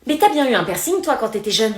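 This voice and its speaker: A woman's voice: on the high side, very animated, fast talker, reverberant. A woman playing an eighteen-year-old daughter, hesitant with her mother yet stubborn, in a comedy sketch. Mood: defiant. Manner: hesitant and sheepish, turning stubborn.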